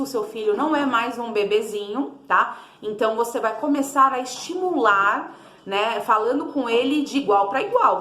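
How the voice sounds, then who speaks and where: A woman with a Brazilian Portuguese accent giving casual parenting advice to camera, chatty and repetitive, sometimes slipping into a high sing-song voice to show how to talk to a toddler. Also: fairly bright tone, roomy sound. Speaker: parenting vlogger.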